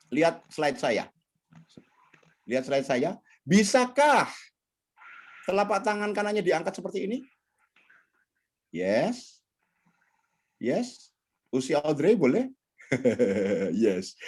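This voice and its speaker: A man teaching communication skills in an online training session, talking straight to his audience over a video call. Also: husky. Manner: animated, swings pitch widely, addresses audience directly.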